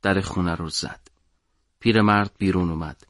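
A man narrating a story for an audiobook in a measured, dramatic way. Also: low-pitched, fairly even intonation, a bit bright, dry recording, clean studio sound.

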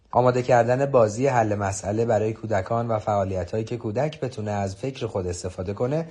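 Low husky man reading formal narration. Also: darkish tone. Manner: measured, formal, read from script. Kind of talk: scripted informational narration.

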